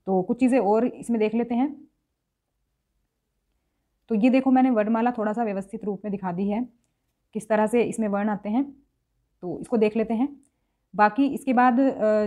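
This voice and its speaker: A woman with a slightly high, mellow voice teaches a classroom-style grammar lesson. She patiently spells out sounds one by one, repeating them slowly to show how they're pronounced.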